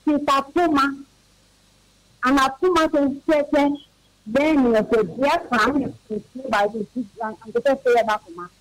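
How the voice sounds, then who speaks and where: Very high-voiced rambling male caller. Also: a bit bright, no room sound, rough recording. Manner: rambling, halting. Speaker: radio correspondent. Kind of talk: radio call-in report.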